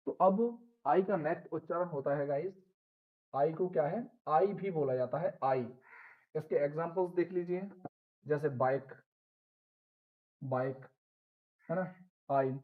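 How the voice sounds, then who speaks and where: A man with a fairly high voice gives a patient pronunciation lesson, spelling out words letter by letter and restating each rule. The sound is thin and tinny, like a phone line, and he keeps calling his viewers "guys". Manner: explains step by step, repeating rules and spelling out letters. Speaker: English pronunciation teacher. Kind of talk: Hindi classroom-style lesson.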